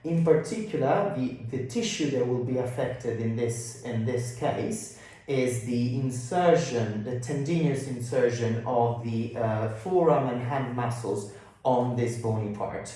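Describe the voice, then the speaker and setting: A man explaining as a clinician in a halting, informal way, slightly muffled through a face mask. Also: medium pitch, warm tone. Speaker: consultant osteopath and physiotherapist. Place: indoor room at a clinic. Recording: very echoey room, distant mic.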